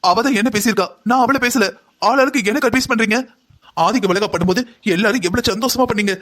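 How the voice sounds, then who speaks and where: A woman's voice: a little high, fast, fairly bright tone. A voice actor playing a pregnant young woman in a cartoon, indignant and complaining. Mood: aggrieved. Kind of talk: cartoon voice acting.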